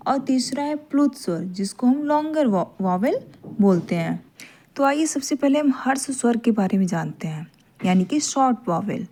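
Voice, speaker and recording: Woman teacher, fairly high voice, patient explainer who repeats points and checks in with "okay". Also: dark tone. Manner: repeats points, often adds a checking "theek hai"; draws out vowel sounds slowly to demonstrate. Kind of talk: grammar lesson.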